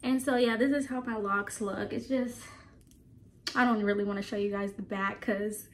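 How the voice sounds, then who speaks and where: A woman's voice: medium pitch, fairly even intonation, moderate pace, slight background noise. A woman vlogger talking casually to her viewers, chatty and rambling with frequent laughs, her voice a little stuffy from allergies. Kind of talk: casual chat to camera.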